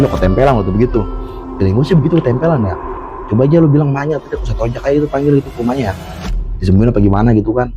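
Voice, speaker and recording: A man, telling a true horror story in casual chat and acting out the quotes with laughter. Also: medium pitch. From Jakarta. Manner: animated, acts out quotes, laughs often. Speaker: storyteller guest.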